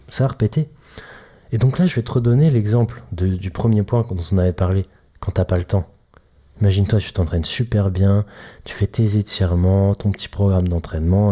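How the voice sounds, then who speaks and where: Relaxed, mellow-voiced man. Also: on the low side, slightly rough. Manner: chatty, jokey, addresses listener directly with analogies. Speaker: mobility coach and podcast host. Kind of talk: casual solo podcast talk.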